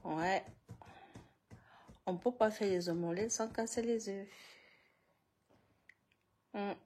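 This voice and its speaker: A woman's voice: mid-range voice, slow, darkish tone, slight background noise. A woman hosting a casual live stream, greeting viewers one by one, repeating herself and laughing often between lines.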